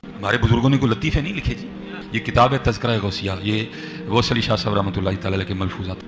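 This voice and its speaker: A man's voice: on the low side, fairly even intonation. A man, telling an anecdote from a book and acting out its dialogue. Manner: anecdotal, acts out dialogue with a chuckle. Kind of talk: storytelling from a book.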